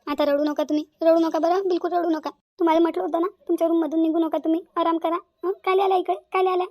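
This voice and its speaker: A woman's voice: very high voice, flat delivery, quick pace, a little mellow, no room sound, studio quality. Woman voicing an earnest younger sister-in-law. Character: devoted younger sister-in-law, insistent and sweet. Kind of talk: cartoon voice acting.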